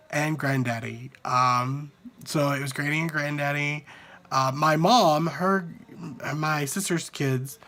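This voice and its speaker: With a slightly high, somewhat bright voice, a man from the American South talks unscripted into a phone held at arm's length. It's an accent challenge vlog, so he rambles a little and deliberately repeats words one at a time to show how he says them.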